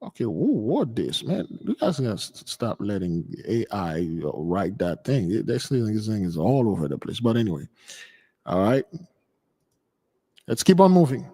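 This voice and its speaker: A man's voice: on the low side, sing-song, normal speed, mellow, slightly rough, big-room sound. A man hosting a religious commentary on news clips, talking in a scoffing, repetitive, conversational way. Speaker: host.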